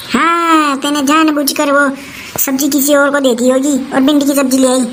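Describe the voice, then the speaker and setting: A woman's voice: high voice, level tone, moderate pace, fairly bright tone, a little hiss or hum, rough recording. A woman playing a bossy, nagging old mother-in-law who scolds and threatens in rustic dialect, in a comic family skit. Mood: scolding.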